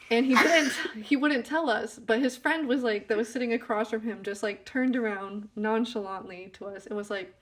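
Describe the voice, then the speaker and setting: A woman's voice: on the high side, a little hiss or hum. A young adult woman, a podcast guest in casual chat, telling rambling stories and laughing often.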